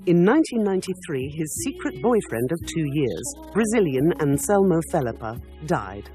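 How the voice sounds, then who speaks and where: A man giving scripted documentary narration in a measured, dramatic way. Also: on the high side, big pitch swings, mellow, faint music behind.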